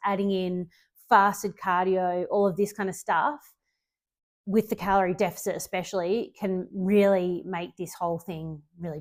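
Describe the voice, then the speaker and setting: Woman, fitness coach, casual tutorial, chatty, lots of ums, mid-pitched voice. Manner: chatty, loose, with frequent ums and self-corrections.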